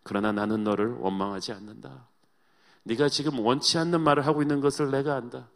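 A preacher voicing a gentle, forgiving divine teacher who speaks softly and then rises into earnest pleading. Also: male voice, medium pitch, steady tone, a little fast, gravelly, close to an everyday voice. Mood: tender. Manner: soft, compassionate, rising to pleading.

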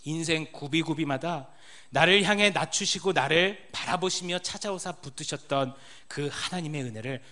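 A man in his thirties, a pastor preaching a sermon as a story, his voice falling low and quiet at the ends of sentences. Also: moderate pace.

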